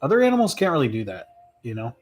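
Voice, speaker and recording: A man streaming live and answering viewer questions in a relaxed, rambling way, thinking aloud with plenty of fillers and laughs. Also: medium pitch, fast, husky. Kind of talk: casual live chat.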